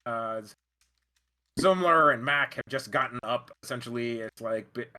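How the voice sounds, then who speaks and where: A man improvising narration as game master, halting as he searches for words. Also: medium pitch, pushed and bright.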